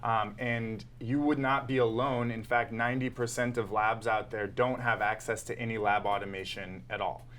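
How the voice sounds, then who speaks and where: A man appearing as a guest on a live web show, calmly explaining his company's product in an explanatory pitch. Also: moderate pace, hardly any pauses. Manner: composed, explanatory pitch delivery. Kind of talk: explaining to an interviewer.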